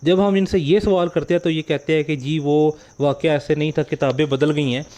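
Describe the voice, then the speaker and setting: A man's voice: on the high side, fairly even intonation, brisk, warm tone. A man hosting a religious video channel, speaking directly to viewers and posing rhetorical questions. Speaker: channel host. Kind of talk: video introduction and commentary.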